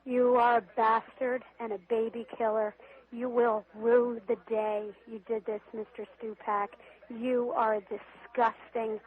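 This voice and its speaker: A woman scolds on an answering machine message, slow and coldly measured. Her raised voice stays flat in tone, squeezed through a tinny phone line. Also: on the high side. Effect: answering machine voicemail over a phone line. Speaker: caller leaving a voicemail.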